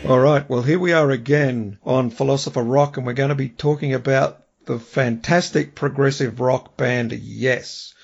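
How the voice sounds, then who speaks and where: A man hosting a podcast, greeting his co-host in a relaxed, friendly way. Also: mid-range voice, normal speed, creaky, hardly any pauses, dull audio, soft background music. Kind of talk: casual podcast chat.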